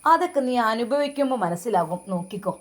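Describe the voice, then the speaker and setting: A woman's voice: on the high side, sing-song, fast, a little hiss or hum. A woman voicing a harsh, scornful mother who nags and orders her grown son about in a spoken story. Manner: scornful, nagging, commanding.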